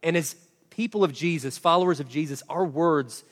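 A man in his forties, high-voiced and speaking at normal speed, delivers a stage story while animatedly acting out each bit of dialogue at his own expense. Long reverb rings through the large hall around him.

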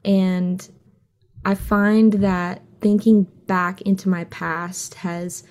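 A young woman from Hawaii, a singer being interviewed, talking openly and earnestly in a casual, soft-spoken way. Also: medium pitch, flat delivery, very slow. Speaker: singer guest.

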